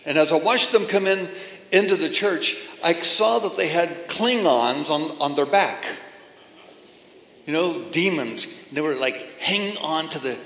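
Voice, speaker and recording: A man preaching a sermon with emphatic phrasing and pauses between phrases, addressing a congregation. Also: a little high, a bit bright, slight background noise. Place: church or meeting hall. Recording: echoey hall from a distance.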